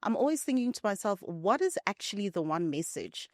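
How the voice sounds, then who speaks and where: A woman with a mid-range voice hosts a business interview, nodding along often and asking her guest clear questions. The sound is dry and close. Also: medium pitch, very animated, a little fast, no echo. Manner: warm affirming, frequent "mm" and "I love that". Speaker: podcast host. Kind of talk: interview hosting.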